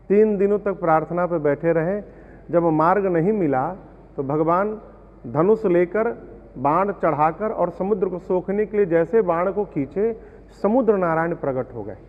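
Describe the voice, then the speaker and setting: High-voiced man giving devotional discourse. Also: in a large hall, phone-quality sound. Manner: explains scripture with verses and parables. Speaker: Ramayana storyteller. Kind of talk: devotional discourse with sung verses.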